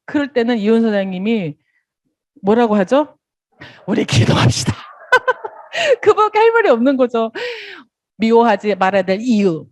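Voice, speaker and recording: A woman's voice: a little high, big pitch swings, moderate pace, darkish tone, no echo. A woman giving a motivational business seminar, acting out little dialogues and laughing often.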